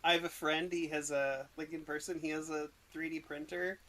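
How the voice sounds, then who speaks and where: A man's voice: a little high, flat delivery, moderate pace, a bit bright, low-quality recording. Casual, offhand young man. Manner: loose, offhand and a bit sarcastic. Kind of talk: casual chat among people sculpting in Blender.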